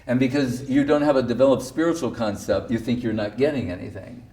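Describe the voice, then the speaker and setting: A man's voice: medium pitch, fairly quick, mellow, recorded from a distance. A man giving an informal spiritual talk, telling stories about his teacher with wry asides. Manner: anecdotal, wry asides, quotes others. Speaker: speaker recounting his guru's teachings.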